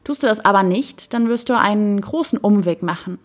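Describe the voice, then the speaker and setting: A gentle, wise old man from a storybook explains things with patience, as a woman reads him aloud. His manner is calm and kindly, like a teacher. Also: medium pitch, a little fast, close to an everyday voice.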